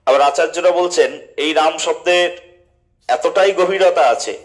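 A male preacher giving a devotional sermon, often putting questions to his listeners and answering them himself, with key words drawn out slowly. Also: a little high.

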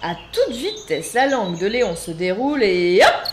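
A woman narrating a children's stage story in a slow, expressive, sing-song way. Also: mid-range voice, a little hiss or hum.

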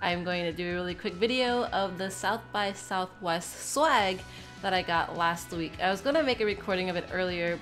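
A young woman who is sick chats casually in a small room as she unpacks a bag, her voice stuffy and nasal. Her pitch is fairly low and her tone fairly bright. This vlogger rambles through an unboxing with lots of fillers.

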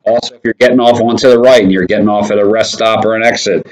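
A man's voice: on the low side, fairly even intonation, quick pace, a little mellow, low-quality recording. A man hosting a casual company safety update, upbeat and encouraging, who often checks in with "right?".

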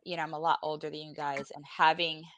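A Puerto Rican woman in her forties, a podcast guest on a video-call panel from a room at home, talks candidly about personal matters in a blunt, informal, salty way. She sounds weary and emotionally exhausted, her voice low, flat in pitch, fast and a bit bright, with no room sound.

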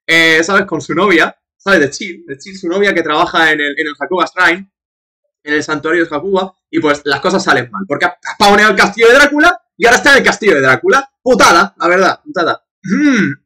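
Young male streamer from Spain; chatty and foul-mouthed, with a high, bright voice. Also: lively intonation, a little fast. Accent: Spain Spanish. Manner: chatty, profane, laughing asides to chat. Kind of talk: casual live-stream commentary.

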